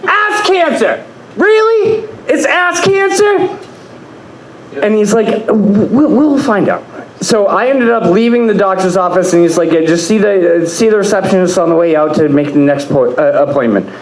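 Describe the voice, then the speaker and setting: A man's voice: sits high, darkish tone, a little hiss or hum. Rambling crude stand-up comic man. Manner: rambling, crude, repeats "I was like", laughs at own jokes. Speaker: stand-up comedian. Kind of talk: stand-up comedy set. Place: comedy club stage. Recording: echoey club room.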